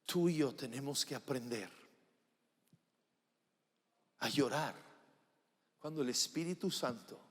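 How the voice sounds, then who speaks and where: A man preaching a live church sermon, swinging from loud declarations to hushed, soft passages. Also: mid-range voice, normal speed. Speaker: pastor. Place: church sanctuary during a service. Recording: reverberant church hall with faint music.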